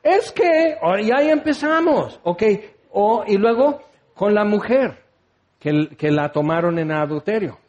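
A male preacher with a notably high voice delivers an impassioned sermon. He keeps turning to his listeners with direct questions and slips into the voices of biblical figures as he retells their words. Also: lively intonation, a little slow, darkish tone, muffled recording.

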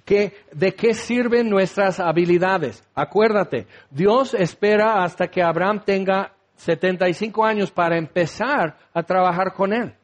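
A man preaching a sermon, lively and acting out the voices of the people he quotes. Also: sits high, a little slow, few pauses. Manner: animated, acts out quoted voices.

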